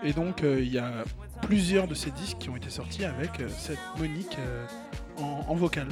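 A man's voice: on the high side, fairly quick. A man co-hosting a music show, chatting casually about records, hesitant with many fillers and blunt opinions. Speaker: radio show co-host presenting records.

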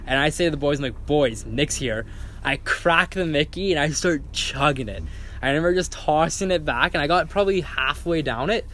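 A man's voice: on the high side, moderate pace, fairly bright tone, slight background noise. A young man telling a story in casual chat, acting out quotes and swearing freely. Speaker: guest storyteller.

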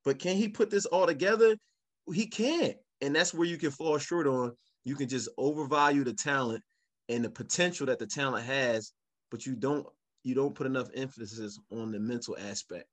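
Male sports podcast panelist, medium pitch, conversational, leans on repetition to make points. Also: normal speed. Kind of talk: casual sports discussion.

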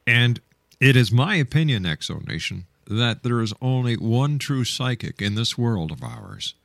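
A man's voice: mid-range voice, lively intonation, a bit bright, no echo. A man hosting a radio talk show, making brief listening sounds and then signing off the segment. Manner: brief listening cues, then a brisk sign-off. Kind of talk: radio interview.

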